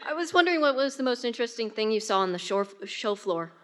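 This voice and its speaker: A woman in the audience asking a question at a live panel, soft-spoken and hesitant. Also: fairly high pitch, very animated, a little fast, crowd noise. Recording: reverberant convention hall.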